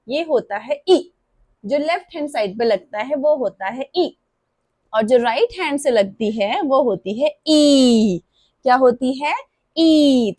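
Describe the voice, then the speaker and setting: A woman walks parents through a children's letter lesson. Her voice sits high, and she repeats example words slowly and draws them out. The sound is dry, with no room echo. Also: darkish tone. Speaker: preschool Hindi teacher.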